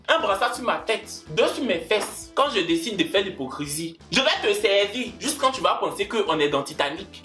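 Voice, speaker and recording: A young man with an Ivorian French accent spins a comic tale, animated and full of local slang. His pitch leaps all over the place as he acts out every beat. The recording sits in an echoey room with faint music behind him. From Ivory Coast. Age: 20s. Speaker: comedian. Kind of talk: comic storytelling monologue. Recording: roomy echo with faint music.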